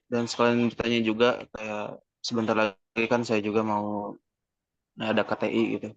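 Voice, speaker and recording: A man asking a question over a call, hesitant and filling his pauses. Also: on the low side, monotone, dry recording. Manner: hesitant, with many fillers. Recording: dull lo-fi dry call audio.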